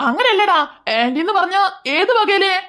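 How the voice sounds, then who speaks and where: Cartoon dad: woman playing a firm, sensible father, high and bright. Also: animated, normal speed, a little hiss or hum, full character voice. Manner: firm and level-headed. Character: calm, sensible young father.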